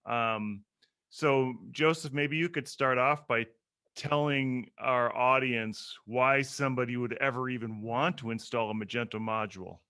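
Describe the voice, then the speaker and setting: A man's voice: mid-range voice, fairly even intonation, a little slow, sharp tone, smooth. A man hosting a commerce podcast, chatting casually and joking with his guest. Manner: joking, playful, with restarts. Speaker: podcast host. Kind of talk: casual interview chat.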